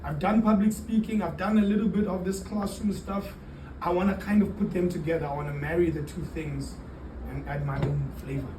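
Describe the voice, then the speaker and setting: As an interview guest, this middle-aged man, a teacher born in Zimbabwe who grew up in the UK and South Africa, gives casual answers in a high, brisk voice with a darkish tone. The distant mic yields a roomy, noisy recording.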